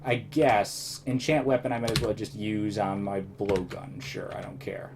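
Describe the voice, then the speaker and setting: A man hosts a let's play, casually commenting on his own gameplay, thinking aloud and rambling. His lowish voice is unhurried and a little worn as he slightly loses it, with background noise present.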